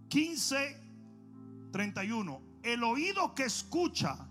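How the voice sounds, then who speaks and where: A man preaching an animated sermon, acting out stories and swinging between shouting and low asides.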